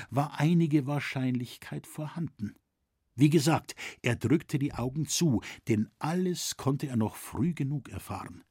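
A man reading a novel aloud as narrator, with expressive storytelling. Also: medium pitch, slightly rough, dry recording, clean studio sound. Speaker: audiobook narrator.

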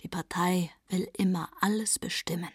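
A woman reading the part of a defiant, cheerful young man who scoffs at authority, in a breathy voice. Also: lowish voice, steady tone, normal speed, no room sound, studio quality. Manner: jubilant, unbothered by authority.

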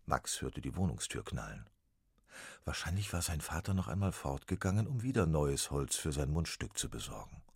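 A man narrating a children's storybook in an expressive, dramatic way. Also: extremely low pitch, moderate pace, breathy edge, dry recording, clean studio sound. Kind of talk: storybook reading.

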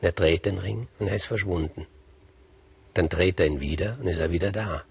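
A man telling an ancient fairy tale aloud, colloquial and lively, swinging between hushed and loud. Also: deep voice, brisk, gravelly, slightly rough. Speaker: storyteller.

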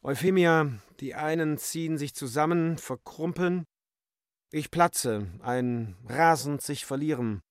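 A man voicing an agitated, half-mad male eccentric in a literary reading, declaiming excitedly. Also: fairly high pitch, slow, no echo, clean studio sound, voice pushed up. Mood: frantic.

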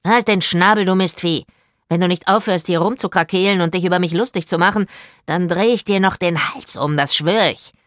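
Brief: mean storybook sailor, hissing and threatening, low and dry, as a narrator plays him. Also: female voice, fairly quick, no echo, lightly acted. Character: sneering adult male sailor, menacing. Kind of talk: audiobook narration.

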